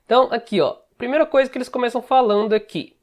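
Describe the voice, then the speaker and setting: A man's voice: very high-pitched, fast talker. Brazilian guy walking through english lines from a movie clip, chatty teacher, keeps checking in with little asides. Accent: Brazilian Portuguese. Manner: explains step by step, often checks in with short asides. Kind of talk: casual screen-share lesson.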